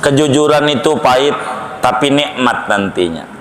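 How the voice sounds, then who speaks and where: A man's voice: mid-range voice, expressive, normal speed, a bit bright, a little hiss or hum. A male Islamic preacher, giving a humorous, storytelling sermon. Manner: joking, storytelling, conversational.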